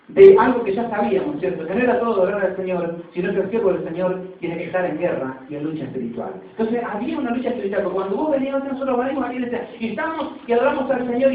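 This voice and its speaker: A man with an Argentine accent preaching a fervent sermon in a church, often tagging "right?" onto his phrases. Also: very high voice. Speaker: pastor. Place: church hall. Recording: tinny, echoey hall from far off.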